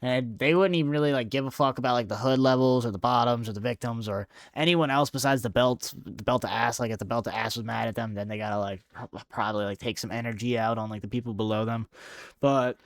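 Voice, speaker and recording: A young man riffs through casual commentary, swearing freely and leaning on slang. His voice sits at a middling pitch. The recording is close and dry. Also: steady tone, fast, dry recording. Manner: profane, slangy, laughs often. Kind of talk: casual commentary ranking fighters.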